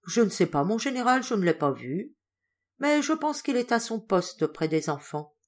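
A woman reading as a loyal male steward who reassures his master in a steady, respectful voice. The intonation still moves freely. This is a storybook audiobook. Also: mid-range voice, normal speed. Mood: calm.

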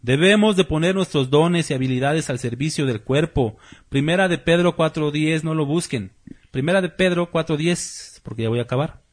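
Husky pastor preaching conversationally. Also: male voice, on the high side, moderate pace. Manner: conversational preaching, rhetorical questions to the congregation. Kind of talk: sermon.

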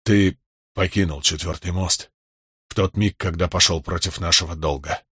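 A man's voice: low voice, steady tone, moderate pace, slightly rough, no echo, clean studio sound, exaggerated voice. Man playing a weary wounded young soldier. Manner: tired, quiet.

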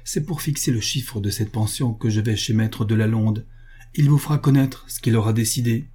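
A man's voice: lowish voice, normal speed, mellow, breathy edge. A man reading the part of a young, proud noble heiress who speaks in a cold, decisive, commanding manner. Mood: stern.

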